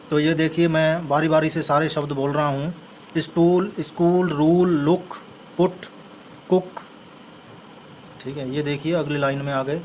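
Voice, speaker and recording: A male teacher with an Indian accent explaining an English textbook lesson in Hindi and English, slowly spelling out words and repeating himself. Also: fairly high pitch, slight background noise. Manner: slow, spells words letter by letter; repeats "ठीक है" after each point.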